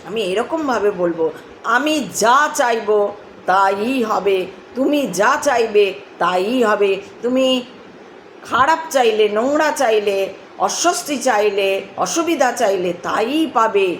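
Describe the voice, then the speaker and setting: A woman giving a spiritual talk, musing slowly and breaking into song. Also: medium pitch, expressive, echoey room, a little hiss or hum, low-quality recording. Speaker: host.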